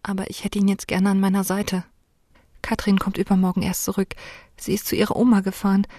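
Hushed woman reading a storybook. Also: mid-range voice, monotone, fairly quick, no room sound, studio quality. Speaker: audiobook narrator. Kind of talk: first-person storybook narration.

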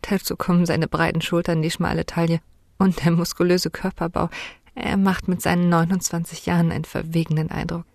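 A woman narrating a story in the first person, in a hushed voice that often sinks near a whisper. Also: lowish voice, level tone, a little fast, gravelly, no echo, clean studio sound. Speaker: audiobook narrator.

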